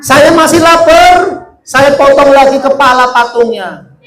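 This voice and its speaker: A man's voice: very high voice, a little slow, fairly bright tone. A man voicing a remorseful convert mocking himself. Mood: rueful. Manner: self-mocking, storytelling. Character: remorseful early convert mocking his own past folly. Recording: echoey room.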